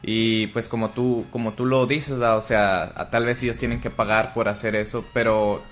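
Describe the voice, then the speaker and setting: A man with a Mexican Spanish accent, a wrestler guest, chatting casually in a slangy, relaxed and animated way. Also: lowish voice, moderate pace, soft background music. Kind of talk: casual chat.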